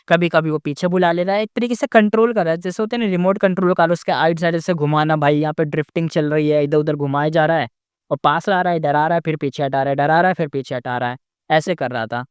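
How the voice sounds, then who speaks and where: A man's voice: a little high, clean tone, dry recording, studio quality. A man casually retelling a novel's story in a chatty way, talking straight to his listeners.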